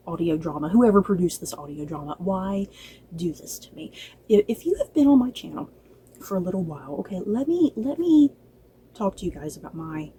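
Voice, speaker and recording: Mellow and on the low side, this woman's voice carries a gushing, informal review chat to camera, delivered with playful exasperation. She reviews books and dramas as a vlogger, and there's slight background noise.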